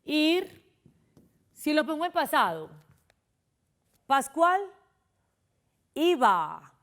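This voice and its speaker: A Colombian woman in young adulthood leads a televised spelling lesson for children. Her voice sits fairly high, and she explains each step patiently and keeps asking the children questions. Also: animated, measured pace. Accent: Colombian Spanish. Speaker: primary school teacher.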